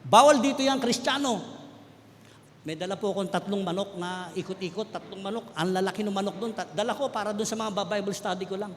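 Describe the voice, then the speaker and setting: A middle-aged man with a Filipino accent giving an emotional sermon testimony, telling his story in turns of loud urgency and hushed quiet. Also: high voice, fairly even intonation, fast, hardly any pauses. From Philippines. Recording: echoey hall with faint background noise.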